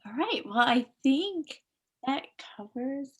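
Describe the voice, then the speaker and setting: A woman hosting a bookstore's online author event, briskly reading questions and wrapping up. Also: sits high, very animated, dull audio. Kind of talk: event moderation. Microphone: video call.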